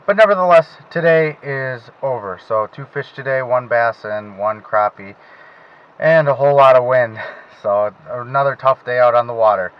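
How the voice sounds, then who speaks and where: Talking to himself as he fishes on a lake, a vlogger chats casually into an action camera attached to his small boat. His medium-pitched voice is clear and resonant at a normal speed, although the recording sounds muffled.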